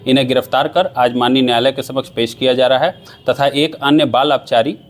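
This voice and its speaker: A man's voice: mid-range voice, fairly even intonation, a little fast. A man, a police official, giving a formal, bureaucratic press statement with a few slight hesitations.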